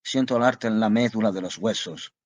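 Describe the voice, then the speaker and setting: A man's voice: on the low side, a little fast, darkish tone, no echo, natural voice. A man voicing a theatrical, grandiose male ex-actor who talks in florid, declamatory speeches. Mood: grandiloquent.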